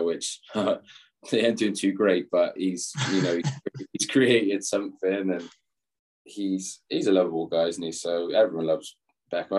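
A man's voice: deep voice, a little mellow. A young English man, a former footballer, chatting casually as an interview guest, rambling and laughing at himself. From England. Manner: rambling, laughs often, self-deprecating. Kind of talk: casual chat.

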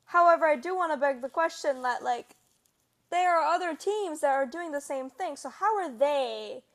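A young woman with a high, light voice hosts a casual fan podcast. She talks in loose, rambling sentences full of fillers and breaks into laughter easily. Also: lively intonation, moderate pace. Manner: chatty, laughs often, lots of "like". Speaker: podcast host. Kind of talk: casual chat.

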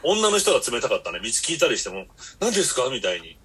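A man's voice: mid-range voice, huge pitch swings, quick pace, a bit bright, breathy edge. A man hosting a podcast, telling long rambling stories in blunt casual chat. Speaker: podcast host.

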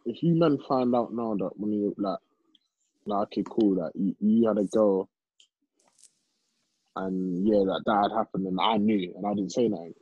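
A young adult man with a London roadman accent chats casually, his fairly low, husky voice moving at normal speed with frequent pauses. His slangy street banter sounds incredulous, and the recording is muffled and roomy.

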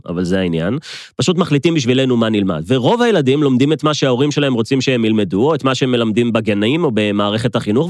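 Israeli man with lively, swinging intonation. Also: mid-range voice, no echo, clean studio sound. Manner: emphatic, addresses listeners directly, rhetorical repetition. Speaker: podcast host. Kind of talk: motivational podcast monologue.

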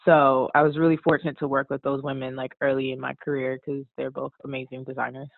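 A woman's voice: a bass voice, quick pace, vocal fry, dry recording. A woman from the Washington DC area, a costume designer guest, chatting casually with lots of "like" and "um". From Washington DC area, USA. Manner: relaxed, chatty, frequent "like" and "um", laughs often. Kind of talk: casual conversational interview. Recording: tinny phone-like line, dry.

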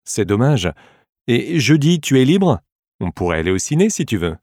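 A woman's voice: very deep voice, big pitch swings, normal speed, a little mellow, dry recording, clean studio sound, pitched below the performer's own voice, heavily acted. A woman voicing a young man named Pierre in a scripted French practice dialogue, friendly and inviting.

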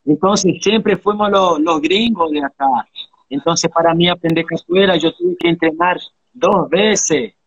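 Here the same kind of speaker, a capoeira practitioner from Brazil in his thirties, gives a casual interview, reflective and earnest, frequently closing a thought with a question. His husky voice sits on the high side and moves a little slowly, in a lo-fi recording with no echo.

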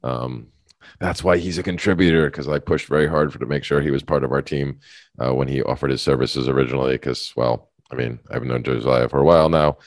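A man's voice: very deep voice, steady tone, fairly quick, no echo, studio quality. A man co-hosting a podcast in casual chat, rambling and restarting his sentences, often laughing. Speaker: podcast co-host.

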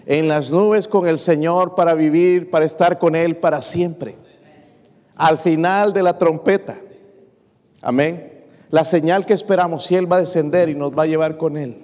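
Speaking at a normal speed with a darkish tone, a middle-aged man delivers a sermon in a large church hall. He reads scripture aloud, building in pitch and force on the verses, calls his congregation brothers, and often asks rhetorical questions.

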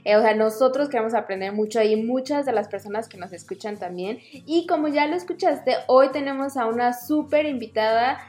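A woman's voice: on the high side, a little fast, few pauses, a little mellow. A woman co-hosting a podcast, introducing her guest in friendly casual talk. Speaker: podcast co-host. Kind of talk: casual chat.

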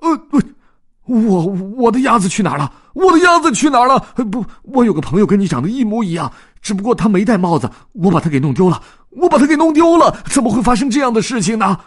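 A man's voice: very animated, fast. A man voicing a frantic, worried man in a children's story who has lost his duck, stammering and crying out. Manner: panicky, high, stammering cries.

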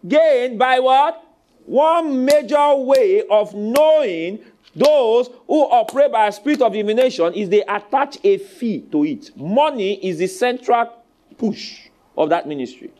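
A male preacher delivers a sermon in a high-pitched, very animated voice. He exhorts emphatically, like a coach giving a halftime pep speech, and keeps breaking his points into questions for the congregation to finish. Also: a little slow, slight background noise. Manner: call-and-response questions to the congregation. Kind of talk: sermon, teaching from scripture.

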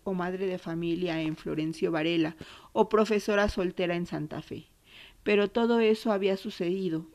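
A woman with an Argentine accent reading literary nonfiction in a measured, somber way. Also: mid-range voice, darkish tone. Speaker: narrator.

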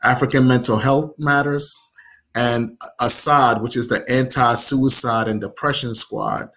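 A man's voice: mid-range voice, steady tone, fairly bright tone. A man from Nigeria, an app founder, talking casually in an interview with lots of fillers and restarts. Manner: many fillers, halting restarts.

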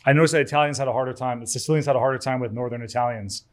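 A man's voice: medium pitch, steady tone, racing. A man from Cyprus, an event organizer, chatting casually on a podcast and often restarting his sentences. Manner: rambling, repeats words, laughs easily. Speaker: event organizer, studio owner.

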